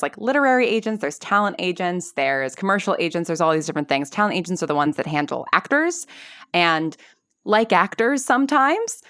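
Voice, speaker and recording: Speaking in a deep yet slightly bright voice, a thirties-aged audio drama creator and actor chats as a podcast guest. She meanders through anecdotes packed with "like" and "sort of," recorded dry and clean in a studio.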